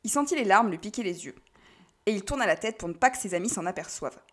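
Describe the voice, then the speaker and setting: A woman narrating a novel in a calm, measured reading voice. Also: medium pitch. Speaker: audiobook narrator. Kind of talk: scripted narration.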